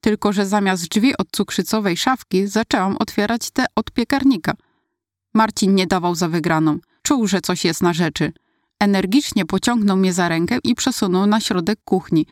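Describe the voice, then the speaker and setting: A woman reading her own childhood story aloud, in steady, even narration. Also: mid-range voice, moderate pace, dry recording, studio quality. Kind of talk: read-aloud personal story.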